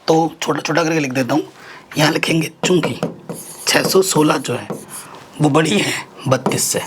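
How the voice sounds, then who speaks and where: A man's voice: fairly high pitch, moderate pace. Chatty male math teacher, noisy room. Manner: talks students through each step, asking and answering himself. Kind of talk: whiteboard math lesson.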